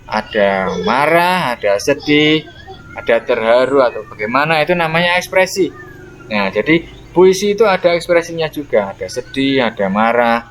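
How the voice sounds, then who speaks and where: Brief: male teacher, slightly high voice, patient and explaining for small kids, faint noise in the background. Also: a bit bright. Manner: patient explaining, frequent "nah" and "ya" tags. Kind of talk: online lesson for young children.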